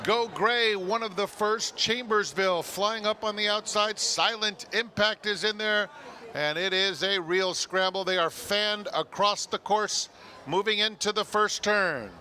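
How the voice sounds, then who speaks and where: A man's voice: high voice, unhurried, pushed and bright. A man calling a live horse race as the track announcer at a racetrack. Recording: clear outdoor track noise.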